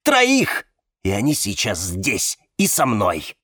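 A man's voice: medium pitch, big pitch swings, moderate pace, dry recording, studio quality, close to an everyday voice. A man reading an audiobook, voicing an angry, sarcastic young woman. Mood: accusing. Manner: sarcastic, snapping, voice breaking when shouting. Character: bitter, angry young woman, sharp-tongued.

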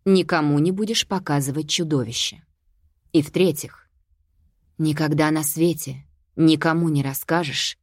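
A woman's voice: low-pitched, dry recording, studio quality. A woman reading an audiobook, voicing a mother who speaks firmly and lays down strict conditions. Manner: firm, measured, warning. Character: stern protective mother.

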